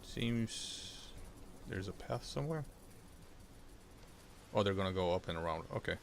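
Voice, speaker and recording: Gravelly deep-voiced man streaming a game. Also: lively intonation, a little slow, noisy background. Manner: chatty, explaining the game as he plays. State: getting over a cold. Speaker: gaming streamer. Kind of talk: casual gameplay commentary.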